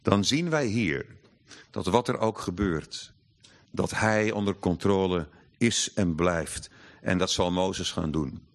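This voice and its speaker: A man preaching a sermon, earnest and emphatic, slowing down to read scripture aloud. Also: low voice.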